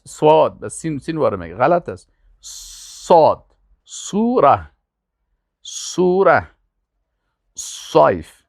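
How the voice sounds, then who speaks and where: An older man with an Afghan Dari accent, teaching an Arabic lesson and patiently repeating words slowly for pronunciation. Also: medium pitch, gravelly, no room sound, clean studio sound. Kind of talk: language lesson.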